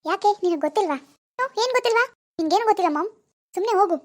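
A woman's voice: very high voice, lively intonation, racing. A woman voicing a grieving young woman who believes she is still pregnant, childlike, dreamy and stubborn. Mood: defiant. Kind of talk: animated family drama voice acting.

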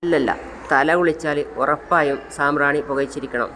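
A protective husband who fusses over his wife and insists on caring for her, read by the narrator. He talks in an everyday mid-pitched voice and slows down as he fusses. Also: fairly even intonation, sharp tone, a little hiss or hum, close to an everyday voice, rough recording. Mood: doting. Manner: fussing, insistent. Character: doting protective older husband.

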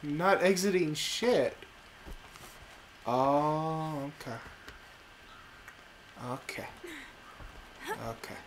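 Slow-paced man giving casual gameplay commentary. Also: a little high, animated, a little hiss or hum. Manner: muttering to himself, informal, sweary. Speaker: gamer playing through an adventure game. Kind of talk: casual let's play commentary. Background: game music.

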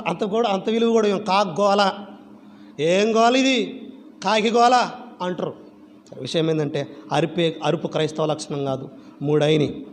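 Animated male preacher with a high voice, quizzing his flock, long hall reverb. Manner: animated, asks the congregation repeated rhetorical questions. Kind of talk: church sermon. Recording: reverberant church hall with faint background noise.

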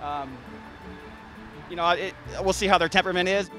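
A beekeeper in his thirties talks casually outdoors by the beehives in a garden, explaining things to an interviewer through a handheld interview mic. His high-pitched voice moves at normal speed, relaxed but full of restarts and fillers, with music in the background.

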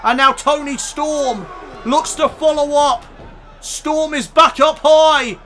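A man with a very high, bright voice shouts dramatic wrestling play-by-play over a game, his voice straining from the effort. He calls the action at an unhurried pace. A faint arena crowd murmurs behind him. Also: steady tone, soft background music. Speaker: YouTube gaming commentator.

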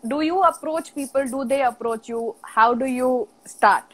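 A woman's voice: high voice, measured pace, a bit bright, poor audio. A woman hosting a live online chat, asking follow-up questions and greeting viewers. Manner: brief listening sounds, friendly follow-up questions. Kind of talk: casual live interview.

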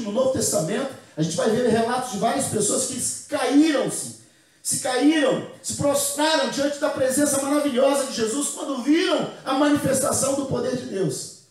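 A man in his thirties with an extremely high, darkish-toned voice preaches a Pentecost sermon as pastor in a bare church hall. Gesturing with a handheld microphone, he uses call-and-response and has the congregation repeat phrases. The audio is very echoey and captured from a distance.

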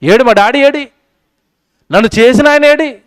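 Male preacher doing a wailing newborn boy, high and pleading, crisp. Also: a little slow, no room sound, clean studio sound. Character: crying newborn boy calling for his maker.

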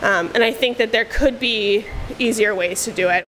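Woman, 30s, pantry coordinator. Slightly high pitch, chatty and practical, lots of ums. Handheld mic, outdoor and indoor interview. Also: moderate pace, a bit bright, slight background noise. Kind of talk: casual explainer interview. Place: outdoors beside a brick church, later inside a pantry room. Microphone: handheld lapel mic held up to the mouth.

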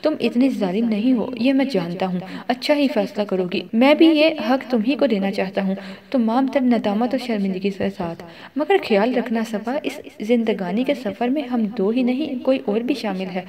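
A woman's voice: fairly high pitch, few pauses, lightly acted. A woman voicing a remorseful young husband in an audio novel, speaking humbly and pleadingly. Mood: humble pleading. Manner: soft, pleading delivery.

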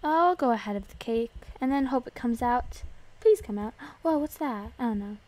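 A young woman giving casual, excitable commentary as she plays a video game, gasping and squealing at surprises. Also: a little high, normal speed. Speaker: gaming video host.

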